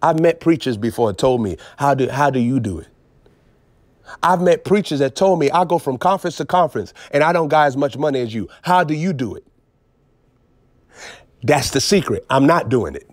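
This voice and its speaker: Emphatic preaching man, higher voice. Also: no echo, clean studio sound. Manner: emphatic, swings between low intensity and raised outbursts. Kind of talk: preaching on a phone broadcast.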